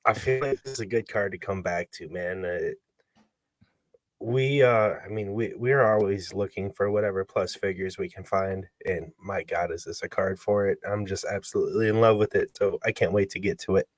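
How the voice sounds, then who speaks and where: A relaxed, friendly man talks betting on a sports podcast, eager to get into it. His voice sits on the low side. The sound is dry and close. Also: normal speed, no room sound. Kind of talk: casual sports podcast chat.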